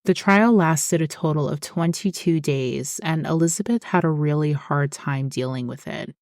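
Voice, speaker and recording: Low-voiced woman narrating true crime. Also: a little mellow, no room sound, clean studio sound. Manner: measured, explanatory reading. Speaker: podcast host.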